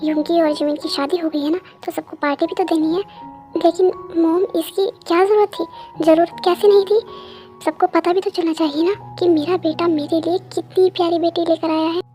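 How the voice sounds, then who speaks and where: Brief: woman as a bossy mother, very high and mellow, scolding. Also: fairly even intonation, brisk, soft background music. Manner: commanding, scolding. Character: bossy middle-aged mother, proud.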